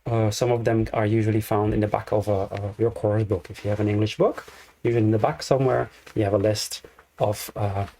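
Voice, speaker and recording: A man teaching an English grammar lesson, explaining slowly and repeating each example. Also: fairly low pitch, fairly even intonation, mellow.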